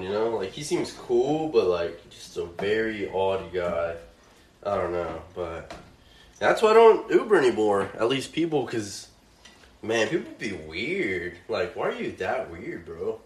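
Young guy rambling in slang while cooking, lively up and down voice, roomy kitchen w faint sizzle. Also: lowish voice, a little hiss or hum. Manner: rambling, slangy, laid-back. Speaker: vlogger. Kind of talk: casual storytelling.

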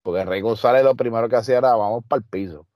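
Speaking rapid-fire at medium pitch, this wrestler guest and trainer with a Puerto Rican Spanish accent spins casual interview stories. He's emphatic and streetwise, leaning on fillers, and the recording is muffled with no room sound.

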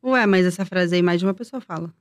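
A woman's voice: on the low side, fast, slight background noise. A woman, a podcast guest who thinks aloud and hesitates during a movie-quote guessing game.

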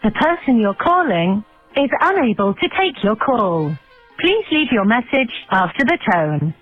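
Woman, automated voicemail prompt, tinny telephone line, lively high voice, faint music behind. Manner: polite, measured recorded prompt. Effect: heard over a phone line.

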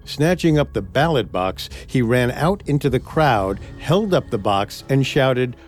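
A man's voice: medium pitch, lively intonation, measured pace. A man co-hosting a history podcast, reading a script and voicing quotes with drama. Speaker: podcast co-host. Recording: faint music bed.

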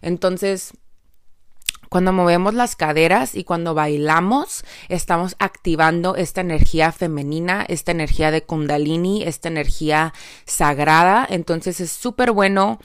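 With a Mexican Spanish accent, a woman hosts a casual, upbeat podcast monologue, chatting straight to her listeners and sprinkling in filler tags like "¿no?" and "entonces." Her voice is fairly low and clean, at a moderate pace. The studio recording is clean with no room sound.

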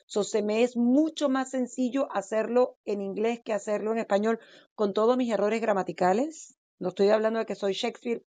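A woman in an instructive panel talk, with a slightly high voice and a firm, emphatic delivery. She often turns to the audience with direct questions. The recording is dry, with very little room sound. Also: a little mellow, no echo. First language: Spanish. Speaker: real estate seminar expert.

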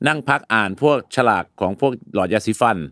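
A man's voice: on the low side, animated, fairly quick, fairly bright tone, dry recording. Give me a joking middle-aged man explaining English words in a dry, close recording. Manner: jokey, plays on mispronounced words. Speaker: English teacher co-host. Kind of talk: casual podcast chat.

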